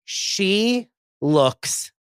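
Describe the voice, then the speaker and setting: A man's voice: high voice, very animated, very slow, clear, resonant tone, no room sound, studio quality. A man co-hosting a pop culture podcast, gushing and emphatic, with a lot of "like". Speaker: podcast co-host. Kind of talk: casual pop culture chat.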